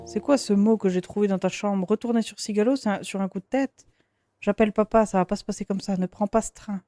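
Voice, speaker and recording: A woman reading out a worried relative's message scolding someone for running off, read plainly from a video game. Her tone stays mellow, with faint music behind. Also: medium pitch, fairly even intonation, a little fast, no room sound, close to an everyday voice.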